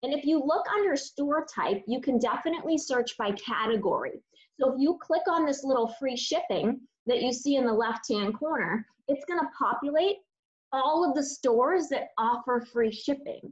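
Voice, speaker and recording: A woman's voice: high-pitched, expressive, moderate pace, highs cut off. A woman giving an upbeat, chatty walkthrough of a shopping website over a screen share, with many "um"s and "you know"s. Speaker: online shopping presenter.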